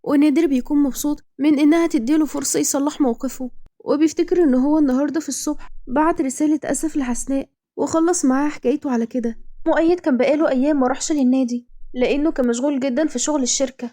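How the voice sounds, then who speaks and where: A woman with an Egyptian accent narrates a drama story in a brisk, even reading. Her voice is high and mellow, and she reads very fast. The recording is close and dry. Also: dry recording.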